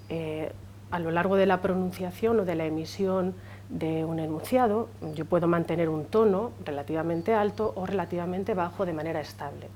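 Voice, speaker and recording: A woman's voice: lowish voice, a little hiss or hum. Hesitant woman lecturer. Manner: hesitant, many fillers, drops quieter at phrase ends. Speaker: university lecturer. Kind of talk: unscripted lecture.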